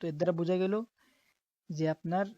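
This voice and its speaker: A woman's voice: lowish voice, little pitch movement, brisk, warm tone, dry recording. A woman teaching Quran reading, patiently spelling out each syllable and repeating it step by step. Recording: dull, dry close recording.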